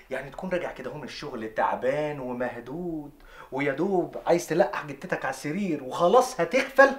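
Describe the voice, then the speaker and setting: An actor playing a brash, comic young man who wants to be a singer, with an Egyptian accent. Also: on the high side. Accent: Egyptian Arabic. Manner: jokey, teasing, bursts into loud off-key singing. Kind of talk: television drama acting.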